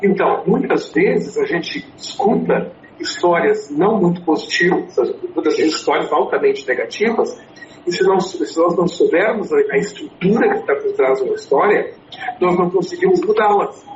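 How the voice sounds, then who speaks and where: Animated and moderately paced, this man in his sixties speaks in a slightly high voice as he responds to interview questions about his storytelling consultancy. He's a native English speaker who uses lots of fillers and often starts over. The sound is dull and echoey with some noise.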